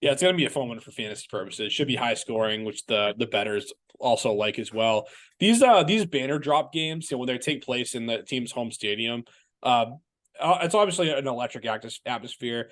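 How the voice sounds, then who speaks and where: A man's voice: medium pitch, expressive, a little fast, fairly bright tone. A man from Massachusetts hosting a casual sports and fantasy football talk, chatting loosely with restarts. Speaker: podcast host.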